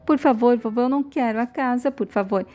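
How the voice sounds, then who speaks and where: A woman's voice: on the high side, a little fast, a little mellow, close to an everyday voice. A woman voicing a meek young woman in a soap recap, humble and pleading. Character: meek young woman begging to give up a house.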